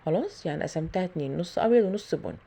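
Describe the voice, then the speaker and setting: Gravelly Egyptian woman chatting while cooking. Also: fairly low pitch, lively intonation, racing, warm tone. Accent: Egyptian Arabic. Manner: chatty, thinking aloud with frequent fillers and pious phrases. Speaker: home cooking video host. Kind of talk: casual cooking tutorial narration. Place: home kitchen.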